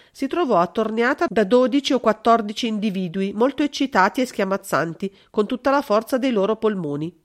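A woman reading a classic novel aloud as scripted narration, in an even, measured way. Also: medium pitch. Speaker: audiobook reader.

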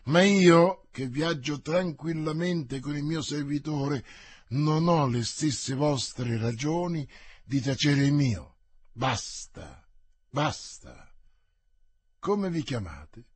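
A man voicing a bold, quick-tempered swordsman who answers threats with mockery, in an audiobook. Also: fairly high pitch, animated, breathy edge, heavily acted. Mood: defiant. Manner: defiant, mocking, boastful.

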